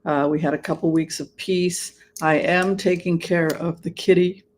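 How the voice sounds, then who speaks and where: A livestream host with a mid-pitched voice talks casually to an online audience. The delivery is camp and theatrical, with drawn-out words and halting phrases. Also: fairly even intonation, a little hiss or hum. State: allergies, occasional throat clearing. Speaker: livestream host and tarot reader. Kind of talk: casual livestream chat, greeting viewers.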